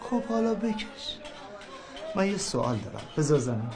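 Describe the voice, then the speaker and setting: An actor playing a measured, pious messenger in a bazaar drama who questions a seller. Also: male voice, high voice, sing-song, a crowd in the background. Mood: probing. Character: probing male messenger, a pious elder.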